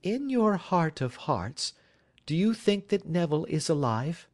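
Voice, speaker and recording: A man's voice: on the high side, sing-song, measured pace, pitched above the performer's own voice. A man putting on an anxious Victorian lady. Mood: urgent. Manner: pleading, insistent, breathless questions. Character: anxious, earnest Victorian lady, a worried wife.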